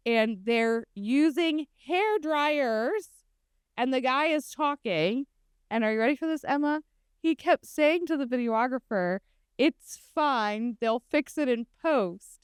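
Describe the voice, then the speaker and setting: Middle aged lady chatting on a podcast, highish voice w laryngitis, tells stories doing the dialogue, dry sound. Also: lively intonation, slow pace, dry recording. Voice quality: slightly hoarse from laryngitis. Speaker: podcast co-host. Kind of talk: casual chat.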